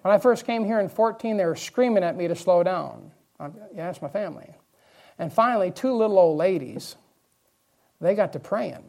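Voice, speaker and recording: A male pastor preaching a sermon, emphatic and repeating his key phrases, dropping into quiet asides between loud declarations. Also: high-pitched, lively intonation, moderate pace, gravelly.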